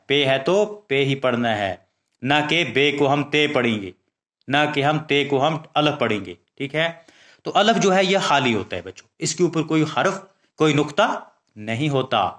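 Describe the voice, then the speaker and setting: A man teaching young children the alphabet, reciting letters slowly and often checking that they understand. He speaks Urdu with a Pakistani accent. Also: medium pitch, fairly bright tone. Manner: slow, drawn-out recitation with frequent check questions.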